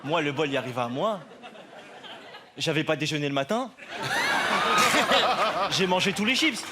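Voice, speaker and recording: A male stand-up comedian telling a story on a TV studio stage in an animated, chatty way, laughing along as he goes. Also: on the high side, a little slow, a loud crowd. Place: TV studio stage with live audience. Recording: loud audience laughter and noise.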